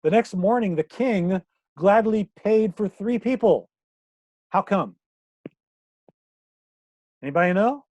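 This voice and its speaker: Older male chess teacher, slightly high voice, dry sound, upbeat and jokey on a video call. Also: animated, takes it slowly, long pauses, a little mellow, no echo. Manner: jokey, upbeat, teasing riddles. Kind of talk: online workshop presentation.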